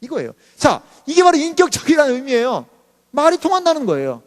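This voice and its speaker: A man's voice: very high voice, huge pitch swings, quick pace, big-room sound. A male pastor preaching a sermon in a chatty way, often asking the congregation questions.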